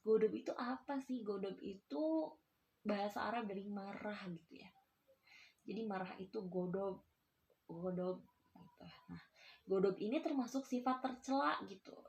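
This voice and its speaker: Young woman with vocal fry, chatty lesson. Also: mid-range voice, normal speed, pauses often, darkish tone. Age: young adult. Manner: chatty and explanatory, with many filler tags and questions to the class. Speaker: university student giving a class lesson. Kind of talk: casual recorded lesson, addressing pupils as a teacher.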